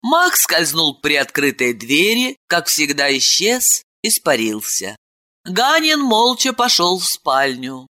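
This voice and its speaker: Expressive, slow woman reading a fairy-tale audiobook. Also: sits low. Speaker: audiobook reader. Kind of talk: scripted narration.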